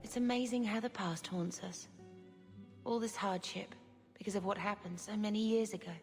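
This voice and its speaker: A gentle young mage sister, voiced by a woman, soft and wistful. Her voice trails off into a long reverb, with faint music under it, as in a fantasy game. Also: mid-range voice, steady tone, moderate pace, close to an everyday voice.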